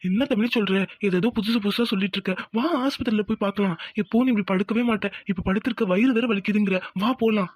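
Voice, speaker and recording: A man's voice: high voice, steady tone, fast, hardly any pauses, no echo. A man voicing a worried young village husband in a cartoon who keeps asking questions and pressing for answers. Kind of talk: cartoon voice acting.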